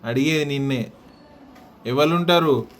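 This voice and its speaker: An adult, loudly and mock-sternly scolding a small child from a little way off the mic. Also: medium pitch, measured pace. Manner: loud, mock-stern scolding from across the room.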